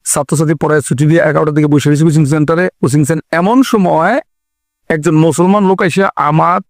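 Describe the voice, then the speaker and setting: Earnest man, higher voice, dry sound. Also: steady tone, no room sound. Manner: earnest, halting storytelling with many fillers. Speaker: convert telling his story. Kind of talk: personal testimony.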